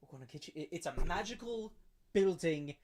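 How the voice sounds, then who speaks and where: A game master voicing a flustered companion who hurries to reassure someone in a quiet voice. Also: mid-range voice, lively intonation, a little fast, slight background noise, close to an everyday voice. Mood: reassuring.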